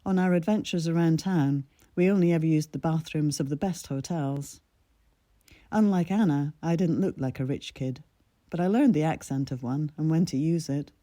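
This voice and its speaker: A woman in her sixties from Scotland reads her own personal essay in a measured, reflective way. Her low, mellow voice has a mid-Atlantic accent with a Scottish lilt, captured as clean studio sound with no room sound.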